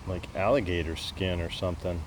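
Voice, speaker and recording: Faint outdoor noise sits behind a man with a fairly low voice. He narrates casually like a hobbyist vlogger out in the field. His delivery is a bit tentative, as if thinking aloud. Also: steady tone, brisk. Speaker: metal detecting hobbyist showing finds. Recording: clear outdoor background noise.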